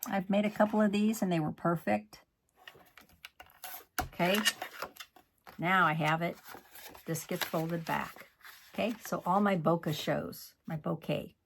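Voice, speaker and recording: Man, card-making demo host, unhurried gravelly delivery, chatty and self-scolding. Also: high voice, fairly even intonation, background noise. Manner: chatty, scolds himself and mutters asides. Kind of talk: crafting tutorial.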